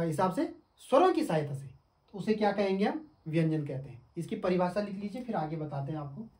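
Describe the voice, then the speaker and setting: A man's voice: sits high, a little mellow. Man teaching from a distant echoey mic. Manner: asks the class questions and answers them himself; sounds out syllables slowly one by one. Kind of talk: exam-prep lesson at a board.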